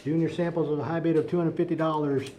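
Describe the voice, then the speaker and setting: Brisk man reading bids, noisy line. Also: fairly high pitch, flat delivery. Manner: brisk, teasing, rattles off bid updates. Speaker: radio auction co-host. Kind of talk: live radio auction chat.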